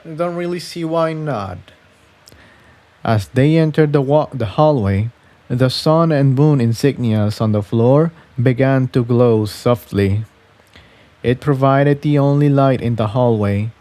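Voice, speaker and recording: A man reading fan fiction narrates a scripted adventure story, his delivery somewhat halting as he stumbles over words. His voice is medium-pitched and warm.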